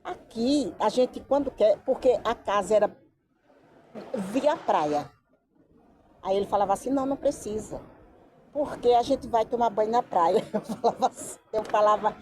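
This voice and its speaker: Woman storyteller with a mellow voice. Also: medium pitch, normal speed. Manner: lively, acts out quoted voices. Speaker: vlogger. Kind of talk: casual storytelling. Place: outdoors by the beach.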